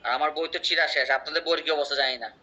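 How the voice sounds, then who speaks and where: A man's voice: a little high, steady tone, rapid-fire, bright, forceful tone. A man teaching an English class, explaining with examples and quizzing his students. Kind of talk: online class lecture. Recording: muffled lo-fi audio.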